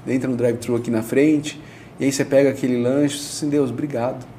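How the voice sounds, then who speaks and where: A man, a pastor explaining in a relaxed conversational way, using everyday examples and frequent tag questions. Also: mid-range voice, very fast, slight background noise. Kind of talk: conversational teaching on prayer.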